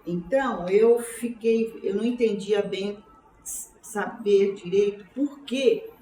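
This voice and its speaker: A woman in her sixties with a São Paulo Brazilian Portuguese accent recalls her life in an oral history interview, halting and reflective, often repeating words and checking for agreement. Her voice is medium-pitched and mellow, picked up on a distant mic in a roomy space with faint background noise.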